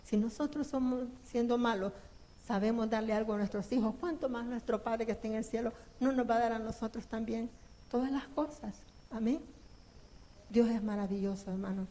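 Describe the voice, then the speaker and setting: A woman's voice: fairly high pitch, warm tone. A woman preaching an evangelical sermon in a church, fervent and pleading, who sings hymn lines and acts out quotes.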